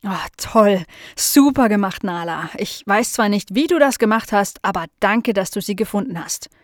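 A woman's voice: medium pitch, moderate pace, no echo, clean studio sound, close to an everyday voice. A woman voicing a kind adult aunt in a children's storybook, who fusses and praises her dog. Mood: praising. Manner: warm scolding, then fond praise.

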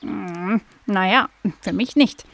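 A woman's voice: medium pitch, slow pace, creaky, a bit bright. Woman doing a chatty little squirrel. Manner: casual, chatty.

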